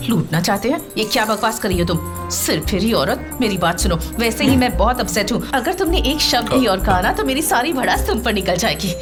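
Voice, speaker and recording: A woman's voice: fairly high pitch, animated, a little fast, natural voice. A woman voicing a fiery scolding neighborhood mother. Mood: angry. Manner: scolding and combative. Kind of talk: dubbed TV drama dialogue. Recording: dubbed dialogue over loud music.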